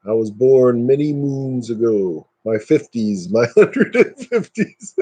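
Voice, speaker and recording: A man's voice: medium pitch, sing-song, takes it slowly, dark tone, husky. A man in his fifties hosting a casual live stream, chatting and joking at his own expense. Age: 50s. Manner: joking, self-mocking, chatty.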